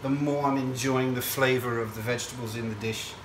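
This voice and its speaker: At a stove in an indoor kitchen, a man hosts a cooking show, chatting through each step to camera in a casual, explanatory way that often wanders off topic. His mid-pitched voice holds a steady tone at a fairly quick pace, captured at a distance in an echoey room. Frying sizzle, stirring, and other background noise fill in behind him.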